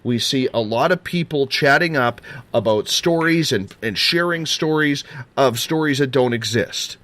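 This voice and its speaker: A man's voice: mid-range voice, moderate pace, a bit bright. A man hosting a paranormal talk show, chatty and rambling, just over a throat and chest cold. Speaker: host.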